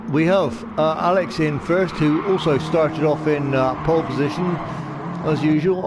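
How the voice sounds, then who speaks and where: A man giving amateur online racing commentary in a halting, polite and understated way. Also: on the high side. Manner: hesitant, halting delivery. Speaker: race commentator. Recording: loud car engine noise behind. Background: racing car engines.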